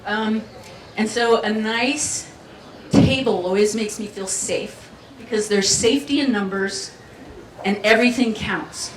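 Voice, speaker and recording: A woman's keynote at a community festival is playful and chatty, drawing in her listeners. She speaks unhurriedly in a voice on the high side. Captured from a distance in the event venue, the sound is roomy and hall-like, with faint ambience and a little hiss or hum.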